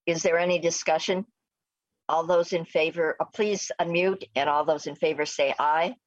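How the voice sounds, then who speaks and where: An American woman chairing a remote meeting, speaking formally and procedurally with a halting, hesitant delivery. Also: low-pitched, steady tone, no echo. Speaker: committee chair. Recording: muffled lo-fi remote meeting audio.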